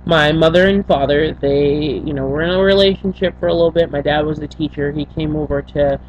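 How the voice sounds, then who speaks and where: Sitting in a small bedroom, a young Senegalese vlogger with a low voice shares a personal story to camera, choosing her words haltingly amid many fillers and restarts. She's recorded on the webcam's built-in mic, so the sound is dull and lo-fi with a faint hum beneath.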